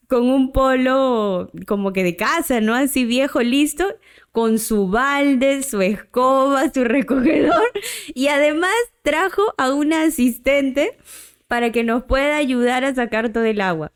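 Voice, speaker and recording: A woman's voice: high-pitched, a little slow, clean tone. A woman, a podcast host telling a personal story in a chatty way, often tagging her sentences with a questioning "right?". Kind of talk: casual storytelling.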